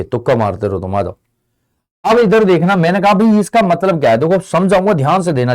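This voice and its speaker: A young man teaching an online Hindi exam-prep lesson in a chatty way, calling his students friend and brother, acting out their replies, and slowing down to drag out key definitions. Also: fairly high pitch, darkish tone. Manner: slows down and drags out key definitions.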